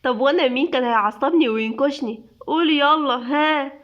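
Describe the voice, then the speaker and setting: A playful young wife, newly pregnant, coaxing and teasing in a read-aloud story, voiced by a woman narrator. She speaks with an Egyptian accent in a high voice. The audio sounds dull and lo-fi. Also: a little fast, lightly acted. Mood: tender.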